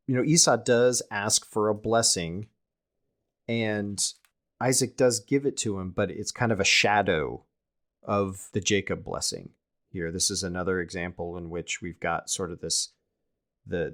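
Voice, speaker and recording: Guy on a scripture podcast, lowish voice, thinking out loud, lots of little restarts. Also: measured pace. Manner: thoughtful, with restarts and repeated words. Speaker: podcast co-host. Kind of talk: casual scripture discussion.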